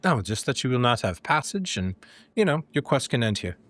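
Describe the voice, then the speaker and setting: A man voicing a magical scholarly young gentleman in a door, formal, courteous and smug, in tabletop role-play. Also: mid-range voice, sing-song, a little fast. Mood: smug, coolly threatening.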